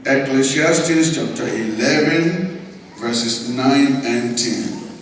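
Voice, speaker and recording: Slow-paced man hosting in a very echoey hall. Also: mid-range voice, slight background noise. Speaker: competition host. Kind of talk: announcing a Bible recitation contest. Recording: distant, very echoey hall with music.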